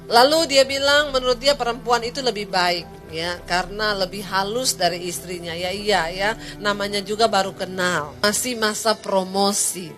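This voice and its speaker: A woman's voice: mid-range voice, normal speed, few pauses, soft background music. A woman preaching a sermon, telling a story and acting out its dialogue, rising to emphatic peaks. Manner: lively, acts out dialogue, rises to emphatic peaks.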